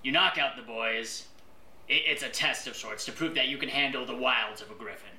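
A man acts out a shrewd griffin seller in a tabletop game. He is mock-courteous and insistent, with a very forceful, bright voice, a little distant in an echoey room. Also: mid-range voice, normal speed. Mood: insistent bargaining. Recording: echoey room, distant mic, faint noise.

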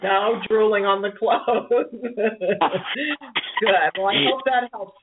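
A woman's voice: mid-range voice, steady tone, slow, background noise. A middle-aged woman with a Brooklyn accent hosting a call-in show, giving casual spiritual advice in an encouraging, rambling way, often repeating her phrases. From Brooklyn, New York. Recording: narrow phone-like sound.

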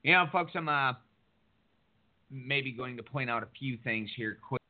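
Male caller, audio breaking up with buffering stutter, narrow phone-band sound, hesitant delivery. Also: mid-range voice. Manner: halting, many fillers and restarts. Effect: glitchy call audio with buffering stutter and dropouts. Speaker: regular commentator on a call-in show. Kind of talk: casual spoken commentary. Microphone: remote call over a computer. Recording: tinny phone-like line.

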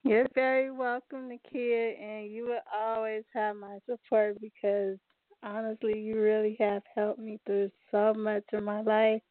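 A woman's voice: medium pitch, level tone, measured pace, no room sound. A woman calling in to a radio show over the phone, speaking earnestly and from the heart. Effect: heard over a phone line. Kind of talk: call-in chat. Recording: tinny phone line.

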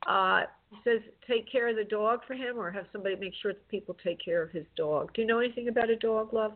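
A woman working as a psychic medium on a call-in show, giving spoken spirit readings in a gentle, consoling way with affectionate endearments. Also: medium pitch, fast. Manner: gentle, consoling, using endearments like love and honey. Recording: tinny phone-like call-in audio.

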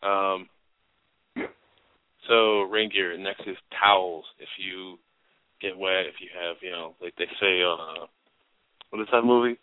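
A man's voice: low voice, fairly even intonation, unhurried, long pauses, clean tone, dry recording. A man hosting a casual advice chat, stressing key words by repeating them. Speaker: talk show host. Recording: narrow phone-like sound, dry.

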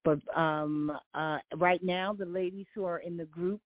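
An older woman from Philadelphia, a guest singer, chats in a friendly, talkative way during a call-in radio interview, listing details with many fillers. Her voice is on the low side, fairly even in intonation, and a little slow. The phone line sounds dry and tinny, with no echo.

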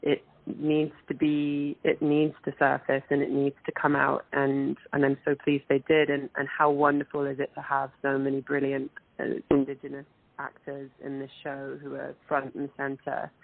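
Earnest actress on a tinny line. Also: female voice, a bass voice, monotone, normal speed, gravelly, no echo. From England. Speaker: actress guest. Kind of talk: interview over a call.

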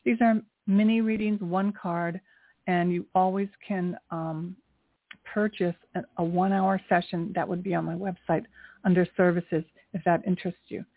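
Gravelly woman on a thin phone line. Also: fairly low pitch, steady tone, moderate pace, no echo. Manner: encouraging, affirming. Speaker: angel card reader and show host. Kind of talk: spiritual reading with call-in segment. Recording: tinny phone-line sound, roomless and dry.

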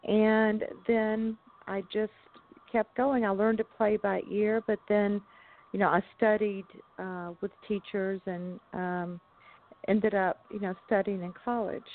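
A woman is heard over the phone as a guest musician. She chats casually and thoughtfully, pausing with ums and restarting her sentences. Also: medium pitch, flat delivery. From Southern United States. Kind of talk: casual interview chat. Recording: tinny phone line.

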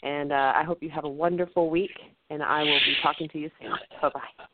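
A woman's voice: deep voice, steady tone, fairly quick. Woman host on a noisy phone-like line. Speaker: show host. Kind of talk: casual chat and show sign-off.

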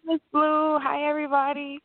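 A woman's voice: high voice, completely flat delivery, normal speed, dry recording. Woman caller over a tinny phone line, chatty, giggly, filler-heavy, dry sound. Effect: heard over the phone. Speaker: caller to a call-in show. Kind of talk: casual chat.

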